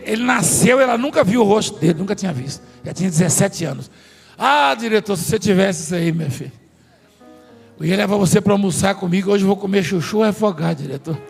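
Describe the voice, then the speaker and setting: A man preaching in a big church hall, his voice high and gravelly with a husky edge. He tells stories and jokes with the congregation and staff. Long reverb hangs on every phrase, with soft music underneath. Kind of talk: sermon.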